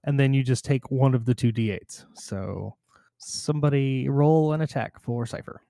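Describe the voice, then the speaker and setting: A man's voice: mid-range voice, normal speed, creaky, no room sound, clean studio sound. A man narrating and explaining rules as game master of a tabletop game. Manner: relaxed, chatty rules explanations.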